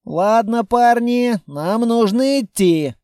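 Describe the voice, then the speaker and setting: A man's voice: very high voice, animated, takes it slowly, warm tone, clear, resonant tone, no room sound, clean studio sound, pitched above the performer's own voice, exaggerated voice. A man voicing a curt, cold male squad leader in an audiobook, speaking in a clipped, brusque way.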